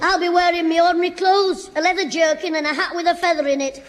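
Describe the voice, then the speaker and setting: A man's voice: very high voice, little pitch movement, fairly bright tone, some chatter behind. A man playing a cocky, wisecracking young schoolboy in 1950s radio comedy, heard on an old broadcast recording. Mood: cheeky. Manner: cocky, quick quips and puns. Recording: hissy old broadcast with long hall reverb.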